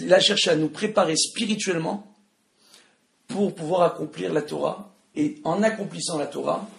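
A man with a Tunisian French accent gives an emphatic religious lesson, his voice gravelly and fairly high for a man. He talks loudly and keeps asking his listeners questions. The room has a clear echo. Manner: loud, emphatic, asks the audience questions. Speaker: Torah teacher. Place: room with an audience. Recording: echoey room.

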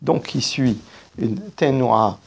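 A man's voice: mid-range voice, takes it slowly, creaky, darkish tone, slightly rough. A man giving a spoken grammar lesson, explaining each rule step by step and stopping now and then to correct himself. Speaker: teacher of biblical Hebrew grammar.

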